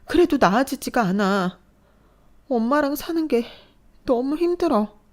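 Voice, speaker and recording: A woman's voice: medium pitch, animated, moderate pace, voice pushed up, natural voice. Woman voicing an anguished young woman. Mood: distraught. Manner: pleading, tearful outbursts. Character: distressed young adult daughter, worn down.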